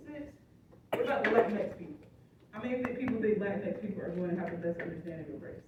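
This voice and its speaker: This is a college lecture in which the female instructor moves through ideas step by step and keeps checking her students' understanding. She talks at a quick pace with lively intonation and a medium pitch, and the highs are cut off. A distant phone picked it up in an echoey classroom with background noise.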